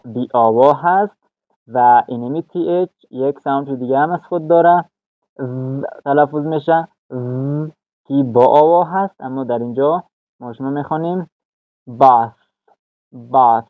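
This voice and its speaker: Guy teaching english vowels, slow, lots of uhs, repeats words, tinny dry phone-like sound. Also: medium pitch, no echo. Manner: slow, halting, with frequent "uh" fillers; repeats example words slowly. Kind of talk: pronunciation lesson.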